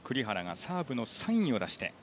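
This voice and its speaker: A man's voice: mid-range voice, fast. A man calling a badminton match live and putting questions to his analyst. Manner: lively play-by-play calling, asks the analyst questions. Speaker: play-by-play commentator. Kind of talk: sports commentary. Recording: broadcast over loud arena crowd and noise.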